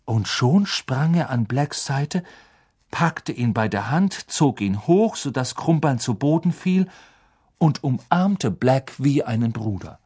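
A man narrating a novel as an audiobook in a dramatic, deliberate reading. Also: medium pitch, animated, a little mellow, husky.

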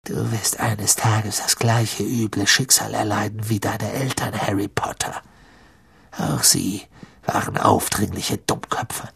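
An audiobook reader voicing a cold, arrogant aristocratic wizard man who speaks in a low, hissing and contemptuous way. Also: fairly even intonation, a little fast, vocal fry, hardly any pauses, fairly bright tone, husky, heavily acted. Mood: menacing. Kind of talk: audiobook reading.

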